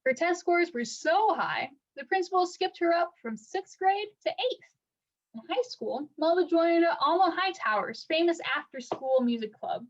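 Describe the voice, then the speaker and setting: Like a teacher, a woman reads a picture book aloud to children, telling the story expressively and deliberately. Her voice is very high, and the recording's highs are cut off.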